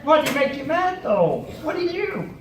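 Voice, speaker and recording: A man playing a calming church brother. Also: extremely high pitch, fairly quick, over a noisy crowd, very noisy. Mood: questioning. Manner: questioning, trying to calm the other down. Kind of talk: live comedy sketch. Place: stage before a live audience. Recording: echoey hall from far off, audience.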